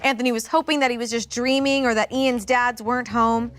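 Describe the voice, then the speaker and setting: A woman's voice: a little high, fairly even intonation, fairly quick, fairly bright tone. A woman narrating a fan-fiction story aloud for comedy, amused and often laughing.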